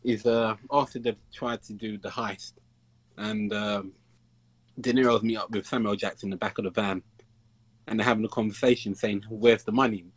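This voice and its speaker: A man's voice: fairly low pitch, fairly even intonation, moderate pace, slightly rough, dry recording, low-quality recording. A man, co-hosting a casual film chat with enthusiasm. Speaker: podcast co-host.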